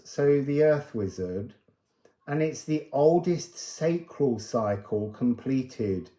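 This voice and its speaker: This man, an oracle card reader and host, gives an unscripted spiritual card reading, musing and meandering as he drifts from thought to thought. His voice is mid-range and warm, and the sound is roomy.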